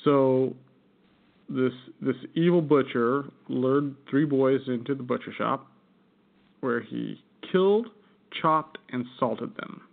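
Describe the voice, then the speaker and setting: A man's voice: mid-range voice, takes it slowly, creaky. An American man co-hosting a podcast, telling a folklore story in a rambling, laughing casual chat. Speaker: podcast co-host. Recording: tinny phone-like audio.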